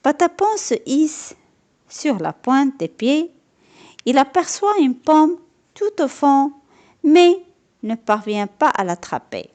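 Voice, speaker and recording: A woman narrating a children's storybook aloud in a slow, expressive, lilting way. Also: high-pitched.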